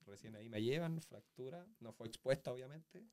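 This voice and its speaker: A man with a Chilean accent, a professional footballer, telling stories from his childhood in a casual interview, animated and acting out the voices of others. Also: mid-range voice, brisk. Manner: animated storyteller with sound effects and acted-out quotes.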